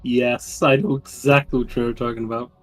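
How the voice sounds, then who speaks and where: A man's voice: mid-range voice, little pitch movement, moderate pace, soft background music. A man co-casting a game tournament, making dry, offhand quips in casual chat. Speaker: co-caster. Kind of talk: casual esports commentary.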